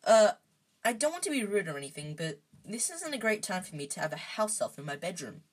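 A woman reads as an awkward young boy wizard from a storybook. The voice is slightly husky, hesitant and polite, kindly but nervous. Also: mid-range voice, big pitch swings, a little fast. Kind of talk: storybook character voice.

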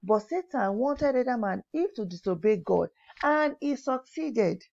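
A woman leads a teen Sunday school lesson in a fairly high voice, reading scripture aloud and drawing out key words slowly. She pauses now and then to correct herself. The recording sounds dull and lo-fi. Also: animated, creaky, a little mellow. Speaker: Bible teacher.

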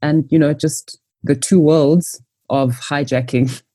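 A man's voice: a little high, steady tone, takes it slowly, dark tone, no echo, studio quality. A man hosting a podcast in a casual, conversational style. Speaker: podcast host. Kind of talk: casual chat, reviewing a TV series.

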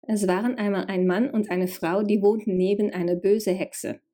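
A woman narrating a fairy tale, gently addressing the listener directly. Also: mid-range voice, steady tone, moderate pace. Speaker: storyteller.

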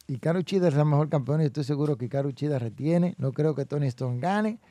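A man's voice: on the high side, warm tone, no echo. A man hosting a wrestling podcast, ranting indignantly about booking decisions and reading listener comments aloud. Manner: indignant, mocking, reads chat comments aloud. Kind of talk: animated solo commentary. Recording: dry close-mic with faint music.

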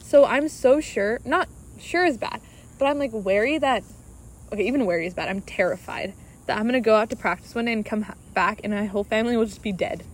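A woman's voice: on the high side, brisk, a little hiss or hum. Chatty young woman, casual talk. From Alaska. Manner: chatty, lots of "like", playful. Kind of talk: casual chat.

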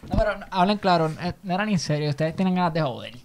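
A man's voice: sits high, animated, vocal fry, noisy background. A man in his twenties with a Puerto Rican accent, bantering and cutting in during a casual chat with friends. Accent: Puerto Rican Spanish. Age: 20s. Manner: quick, interjecting banter. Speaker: podcast co-host.

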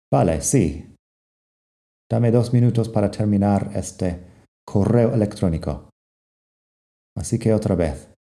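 A male teacher walks through English expressions, reading both parts of each example dialogue. His voice sits fairly low and very warm, and he talks at a slow, patient pace. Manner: reads both sides of short dialogues. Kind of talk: explaining English phrases to Spanish speakers.

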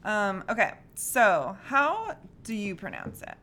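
A woman's voice: medium pitch, slow pace, slight background noise. A woman co-hosting a podcast in casual chat, laughing often as she tells a mystery story. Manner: giggly, animated, storytelling. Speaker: podcast co-host.

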